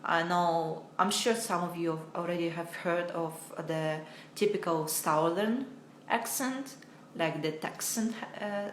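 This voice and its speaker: On a relaxed English-teaching livestream, a young American woman talks from home into her phone in a lowish voice. She's talkative yet hesitant and often laughs at herself. The sound is roomy and echoey, with slight background noise.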